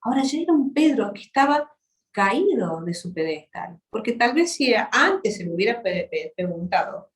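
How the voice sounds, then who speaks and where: A woman's voice: on the high side, big pitch swings, normal speed. Impassioned woman preaching in an echoey hall. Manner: impassioned and tender, with dramatic shifts in volume. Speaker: guest speaker at a women's church meeting. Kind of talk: sermon.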